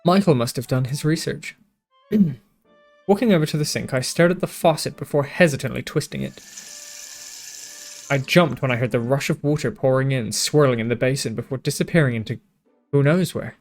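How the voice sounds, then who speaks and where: A man's voice: mid-range voice, normal speed, faint music behind. Man reading a game aloud. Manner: joking asides, swears, stumbles over words. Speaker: gaming YouTuber. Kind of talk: reading a visual novel aloud.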